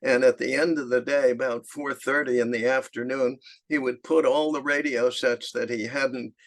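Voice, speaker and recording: A man in his eighties from New York City, with a gravelly voice, telling stories from his childhood and chuckling as he goes. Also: medium pitch, fairly even intonation, normal speed. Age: 80s. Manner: chuckles through his anecdotes. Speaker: narrator recalling his past. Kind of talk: storytelling reminiscence.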